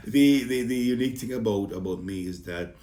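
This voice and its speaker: Here a Vincentian-accented comedian, with roots in Saint Vincent and the Grenadines and the British Virgin Islands, chats loosely and cheerfully to fans as he introduces himself. His warm voice is fairly low and moderately paced. The room is echoey.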